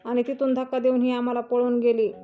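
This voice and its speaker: A woman voicing a furious older man, a vengeful father, speaking in a slow, threatening way. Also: fairly high pitch, completely flat delivery, dull audio, faint music behind, natural voice. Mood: angry. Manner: angry, threatening, slow and heavy.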